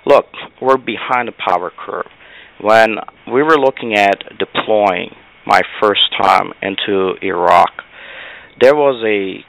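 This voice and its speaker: Low gravelly male guest analyst, emphatic and measured. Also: fairly bright tone, low-quality recording. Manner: measured, emphatic, with frequent uh fillers. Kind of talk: interview commentary.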